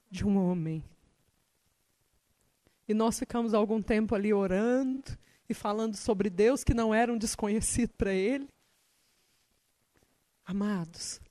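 High-voiced woman preacher. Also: no room sound. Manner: animated storytelling, voice rising when excited. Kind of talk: sermon with personal story.

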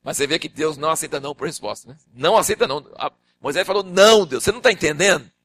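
An older man preaching a sermon, teaching from the Bible and acting out the figures' dialogue in raised, animated voices. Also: on the high side, rapid-fire.

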